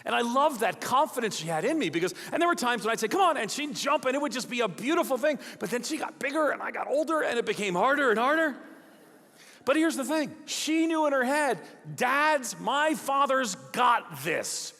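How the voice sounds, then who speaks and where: A man preaching a sermon as a guest speaker, animated, acting out quoted voices and dropping to soft emphatic lines. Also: very high voice, quick pace. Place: large church auditorium. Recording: long hall reverb.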